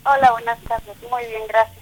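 Speaking by phone as an interview guest, a middle-aged small business owner from Mexico City recounts her story chattily, full of fillers and laughter, in a Mexican Spanish accent. Her slightly high voice shows little pitch movement at normal speed, and the poor audio carries a faint hiss or hum.

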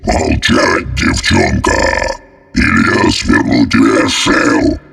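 A man voicing a huge cruel male ogre in an audiobook, with a very deep gravelly growl and slow, drawn-out threats. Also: distant mic, full character voice. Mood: snarling. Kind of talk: audiobook character voice.

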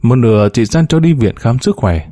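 An audiobook narrator, a man, reads a story aloud in a steady, even storytelling style. His voice is mid-range at a normal speed, captured dry in a clean studio.

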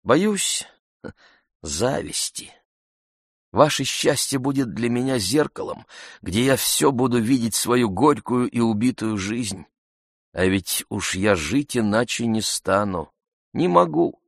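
A man voicing an emotional middle-aged gentleman who gushes and exclaims, in a read-aloud story. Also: medium pitch, slow, gravelly, dry recording, studio quality, voice pushed up, full character voice. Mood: gloomy. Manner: excited, gushing exclamations.

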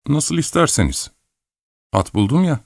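A man's voice: fairly high pitch, very animated, measured pace, gravelly, no room sound, studio quality, pitched above the performer's own voice, exaggerated voice. A man voicing a blunt, easily hurt young army officer in an audiobook reading. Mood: sulky. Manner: blunt, sulky. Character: gruff, touchy young army captain.

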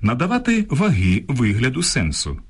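A man presenting a language program on radio, reading a script in a measured, instructive way, contrasting correct and incorrect phrases. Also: medium pitch, wildly swooping pitch, breathy edge, faint music behind. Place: radio studio.

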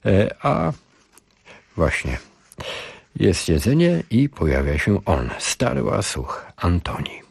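A man reading a story aloud on the radio in an unhurried, expressive way. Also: low-pitched, vocal fry. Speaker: radio reader. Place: radio studio.

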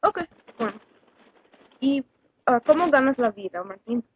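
A woman conducting a friendly class interview, asking questions in a halting way. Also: high-pitched, expressive, breathy edge, dry recording. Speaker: student interviewer. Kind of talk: casual phone interview. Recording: tinny phone line with faint noise.

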